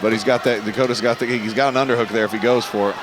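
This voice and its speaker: A man's voice: fairly low pitch, fairly even intonation, very fast. A man giving conversational live play-by-play as a fight commentator, often repeating his phrases. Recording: noisy venue with crowd behind.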